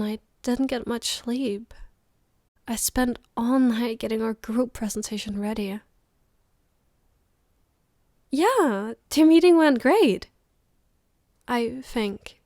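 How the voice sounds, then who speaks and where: Woman acting a soft, tender girlfriend, ASMR role-play. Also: a little high, no room sound, clean studio sound, lightly acted. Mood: tired, affectionate, then modest pride. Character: loving, tired young girlfriend on a late-night phone call.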